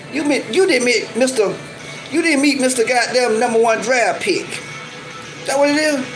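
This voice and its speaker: A man's voice: extremely high pitch, rough recording. A man ranting angrily on his video channel, scolding and cursing over and over in heated, repetitive bursts. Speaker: YouTube commentator. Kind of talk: angry ranting vlog.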